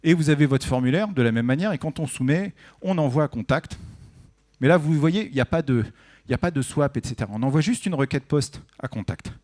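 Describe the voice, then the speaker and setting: A man's voice: fairly high pitch, lively intonation, fairly quick, a little mellow. A man giving a conversational technical talk at a conference, often asking the audience questions. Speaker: conference speaker. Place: conference room.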